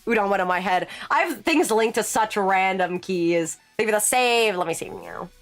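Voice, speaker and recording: A woman in her late twenties, with a medium-pitched voice at a moderate pace, chats casually with her stream chat while working. She rambles chattily and breaks off into laughing asides, with faint music playing beneath her.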